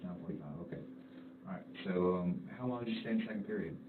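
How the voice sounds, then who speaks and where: Male investigator, probing and informal, fast delivery; roomy, far-off interview sound. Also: deep voice, slight background noise. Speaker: police investigator. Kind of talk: police interview questioning. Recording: echoey, tinny, distant interview room recording.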